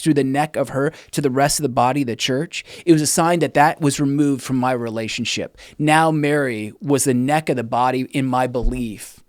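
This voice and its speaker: Speaking as an interview guest, a middle-aged man gives an animated, frank account of his testimony and performs the conversations in it. The medium-pitched voice comes through dry and at studio quality.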